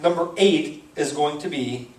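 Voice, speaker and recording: A man's voice: on the high side, measured pace, roomy sound, distant mic, rough recording. A man as a pastor teaching the Bible verse by verse in a conversational manner, stopping to puzzle over names and correct himself. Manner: conversational, thinks aloud, self-correcting on names.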